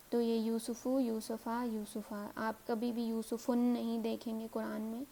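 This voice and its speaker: Soft, even-toned woman teaching grammar. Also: on the high side. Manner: repeats example words slowly in sets of three. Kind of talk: recap lecture on grammar.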